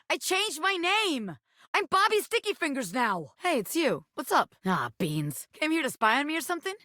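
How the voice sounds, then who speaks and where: A brash female ex-gangster hairpin in a video game, with a bright, forceful voice. She is a sassy, wisecracking scammer who slings old-time slang, and her highish pitch swings around in lively fashion. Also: no echo, clean studio sound, exaggerated voice. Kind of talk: video game character voice acting.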